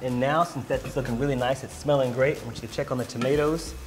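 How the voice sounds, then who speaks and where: A man's voice: mid-range voice, steady tone, fast, poor audio. A man in his thirties hosting a cooking show, giving upbeat step-by-step directions to a guest in a home studio kitchen. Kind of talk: instructing a guest while cooking.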